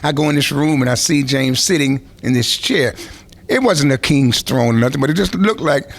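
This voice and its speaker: A man's voice: mid-range voice, moderate pace. An older man, a veteran musician, tells long rambling stories in an interview, with many restarts and asides. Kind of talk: anecdotal interview storytelling.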